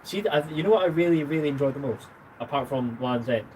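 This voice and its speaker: A man's voice: medium pitch, lively intonation, quick pace, darkish tone, a little hiss or hum, poor audio. A man chatting casually and teasingly on an outdoor live stream, recalling trip details eagerly. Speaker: co-host of a travel live stream.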